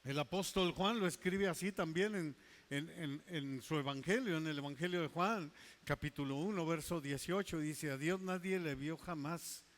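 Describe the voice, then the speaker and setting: Emphatic pastor, fairly high voice. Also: male voice. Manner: emphatic, stretches key words slowly, drops to quiet asides. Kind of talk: sermon.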